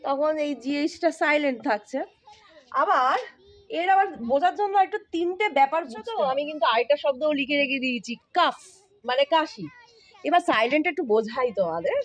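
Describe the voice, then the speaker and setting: A woman's voice: sits high, animated, a little fast. A woman teaching English pronunciation, explaining informally and spelling out letters to her students. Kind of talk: spoken English lesson.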